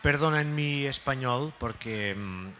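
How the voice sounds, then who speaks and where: Slow-paced Portuguese-accented man, hesitant. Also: mid-range voice, bright, forceful tone, a little hiss or hum. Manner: hesitant, pausing, searching for words. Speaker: guest speaker, literary foundation director. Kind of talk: talk at a book fair event.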